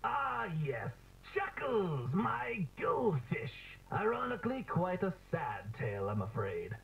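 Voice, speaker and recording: A tinny, noisy tape carries a menacing clown villain in an analog horror piece. He drawls very slowly and theatrically, with mockery in a creaky, high voice that lurches wildly in pitch. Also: huge pitch swings, fairly bright tone, heavily acted. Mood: mock wistful. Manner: drawling, theatrical, with cackling laughter. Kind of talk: scripted analog horror acting.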